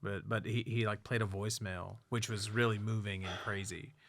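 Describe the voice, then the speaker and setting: A man talks loosely on a podcast, swearing freely and piling up fillers as he tells stories. His voice sits at an ordinary pitch and sounds dry and close to the mic. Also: fairly even intonation, normal speed, gravelly, fairly bright tone, dry recording. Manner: rambling, profane, many fillers, drops low when somber. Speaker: podcast host. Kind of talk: casual chat.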